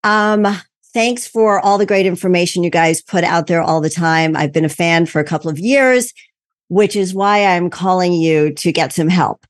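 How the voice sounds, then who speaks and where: Woman in her 60s calling into a show, lowish voice, dry close sound, friendly, bit hesitant. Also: normal speed, no echo. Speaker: caller to a fitness show. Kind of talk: caller asking a question on a video call.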